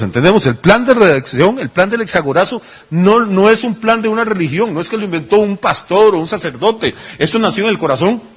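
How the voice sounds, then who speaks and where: A male pastor delivers a sermon, in a voice pitched a little high with a husky edge. He talks to the congregation as if chatting, asking rhetorical questions and briefly acting out the people in his examples. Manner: conversational preaching with rhetorical questions and acted-out asides.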